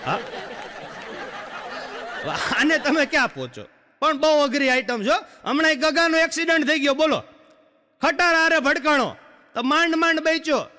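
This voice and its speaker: A man's voice: extremely high pitch, normal speed, pauses often, bright, forceful tone. A male stand-up comedian, telling punchy jokes with rhetorical asides to the crowd. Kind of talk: live stand-up storytelling. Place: live stage show. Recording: echoey hall reverb.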